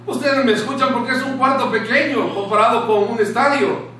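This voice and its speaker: A man preaching a sermon in a small church room, impassioned, dropping to a hushed tone when he quotes scripture. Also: very high-pitched, a little fast. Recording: very echoey room, distant mic, faint hiss.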